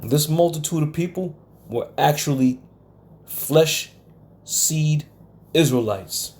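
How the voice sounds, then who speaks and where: With a fairly high, darkish voice and an unhurried pace, a man teaches scripture at a home Bible study. He's confrontational, scolds his listeners, uses some coarse words, and often asks "okay?"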